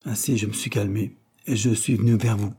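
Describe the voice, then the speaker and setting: A man's voice: lowish voice, steady tone, a little fast, warm tone, husky. A man voicing an angry, gossiping working-class landlady who scolds indignantly, in an audiobook reading. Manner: indignant, scolding, breathless storytelling.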